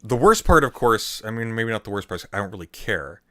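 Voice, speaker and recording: A man's voice: fairly low pitch, big pitch swings, fairly quick, fairly bright tone, no room sound, clean studio sound. A man hosting a casual commentary podcast, ranting emphatically and restarting his sentences as he argues. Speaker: host.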